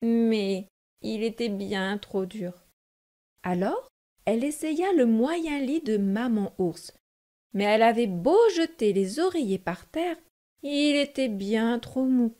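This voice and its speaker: A woman reading a children's fairy tale aloud in a clear, unhurried read-aloud manner. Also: on the high side, expressive, dark tone. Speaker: narrator.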